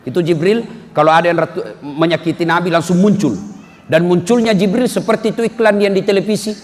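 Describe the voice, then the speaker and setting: A man preaching a humorous sermon to a congregation, lively and emphatic, often leaping to high-pitched bursts and acting out the voices of people in his stories. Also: a little fast, in a large hall.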